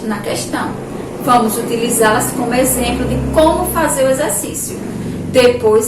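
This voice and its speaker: A woman teacher with a Brazilian Portuguese accent giving a remote lesson to young children, spelling words out slowly, syllable by syllable. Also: on the high side, noisy background. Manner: slow, syllable-by-syllable teacher talk with diminutives. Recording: echoey distant room mic, faint ambience.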